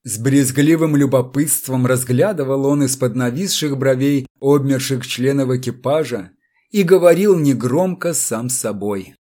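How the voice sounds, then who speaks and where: A man narrating an audiobook in an expressive storytelling manner. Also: medium pitch, moderate pace, hardly any pauses. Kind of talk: scripted narration.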